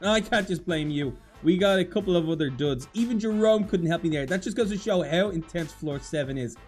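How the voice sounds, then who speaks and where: A man giving excited, dramatic, self-mocking commentary while playing a video game. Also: high voice, fairly quick, faint music behind. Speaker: gaming YouTuber.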